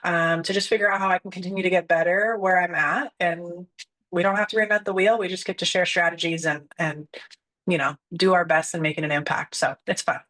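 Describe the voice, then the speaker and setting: A woman's voice: fairly low pitch, steady tone, brisk, a bit bright. A woman in her thirties from California, an outreach director talking in a casual podcast chat, chatty and upbeat with lots of fillers. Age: 30s.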